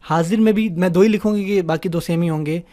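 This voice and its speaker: Male teacher, higher voice, patient online grammar explainer who slips English terms into his talk. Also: warm tone. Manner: explanatory, asks "ٹھیک ہے نا" often; mixes English words into the talk.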